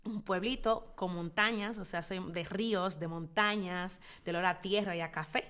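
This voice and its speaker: A Dominican woman in her thirties, a psychologist guest telling her life story in an interview, expressive and reflective, pausing often as she thinks. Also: on the low side. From Dominican Republic. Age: 30s. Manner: expressive, reflective, with frequent hesitations.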